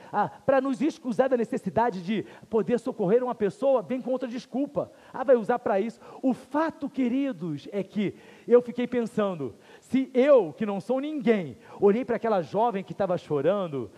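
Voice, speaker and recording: High-voiced Brazilian pastor preaching. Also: male voice, dark tone. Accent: Brazilian Portuguese. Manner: earnest, rhetorical questions, slow emphatic repetition. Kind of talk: sermon. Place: church sanctuary. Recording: long reverb of a church hall.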